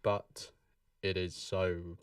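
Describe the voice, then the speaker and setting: A man's voice: sits low, flat delivery, drawn-out words, clean tone. A man hosting a casual live stream, his voice coming through with a robotic, metallic glitch as he drifts on and off the mic while rocking.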